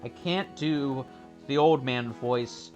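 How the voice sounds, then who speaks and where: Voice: mid-range voice, takes it slowly, a little mellow, muffled recording, soft background music. A let's play host commenting on a game and reading its dialogue aloud in character voices.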